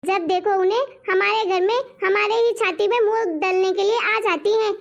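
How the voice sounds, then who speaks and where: Cartoon role: a woman voicing a loud, rude young wife with a very high, gravelly voice, scolding without pause. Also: steady tone, highs cut off. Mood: scornful. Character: defiant young wife who scorns her mother-in-law. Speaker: daughter-in-law. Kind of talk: cartoon story voice acting.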